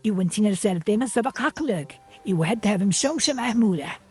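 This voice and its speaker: A woman with a Moroccan accent voicing a blunt, scolding older woman with a husky voice in a cartoon. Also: medium pitch, expressive, very fast, pitched below the performer's own voice. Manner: scolding, matter-of-fact.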